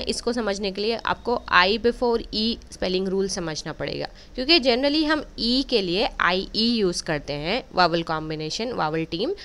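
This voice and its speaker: Slow, clear-voiced woman teacher. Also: medium pitch, a bit bright. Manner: clear, careful teacher-like explanation, slow drawn-out English words. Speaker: spelling teacher for children. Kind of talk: bilingual spelling lesson.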